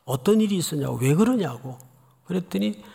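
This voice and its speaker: A man preaching an expository sermon as pastor, dramatic, swinging between loud cries and hushed asides. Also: sits high, expressive, brisk, creaky, slightly rough. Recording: long hall reverb.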